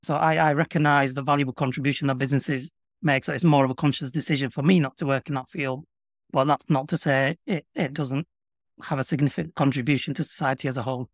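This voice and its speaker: A man's voice: medium pitch, fairly even intonation, quick pace, no echo, studio quality. Man with a broad Yorkshire accent. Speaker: interview guest, public sector communications professional. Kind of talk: reflective conversational interview.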